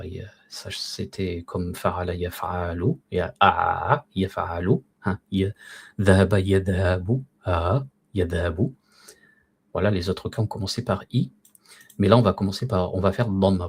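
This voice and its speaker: A man gives a recorded Arabic lesson in a husky, somewhat low voice. He is patient, pronounces each form slowly and repeats it. He often stops to check that his listeners are keeping up. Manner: patient, repeats words slowly and asks if students follow. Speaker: Arabic teacher.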